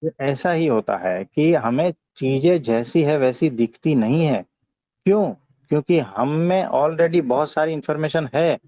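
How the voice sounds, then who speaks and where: A man with an Indian accent giving a conversational spiritual discourse, teaching in a calm, gentle way and often checking for agreement. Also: on the high side, measured pace, dry recording. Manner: didactic, often seeks agreement with short tag questions. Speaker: spiritual teacher answering devotees' questions.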